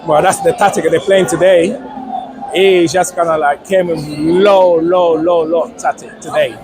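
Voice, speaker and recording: An excited, high-pitched man talks as a football fan in a street interview after a match. He is emphatic and says things over again for weight. A busy crowd surrounds him. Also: unhurried. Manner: excited, buzzing; emphatic, repeats phrases. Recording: noisy outdoor street with crowd.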